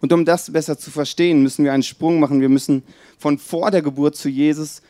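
A man's voice: on the high side, fairly even intonation, no echo. Earnest man preaching a Christmas sermon. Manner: earnest, addresses listeners directly; drops to a soft, slow tone when reading scripture. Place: church.

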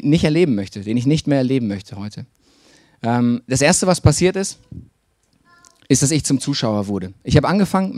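A man's voice: mid-range voice, darkish tone, no echo. Confessional male preacher, dry close sound. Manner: personal, confessional, with frequent restarts and fillers. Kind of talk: sermon.

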